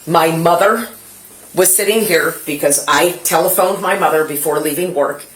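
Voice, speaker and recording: A woman's voice: low-pitched, moderate pace, roomy sound, rough recording. A middle-aged mother giving police a rambling, anxious account inside her home, full of restarts. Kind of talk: tense spoken account to police.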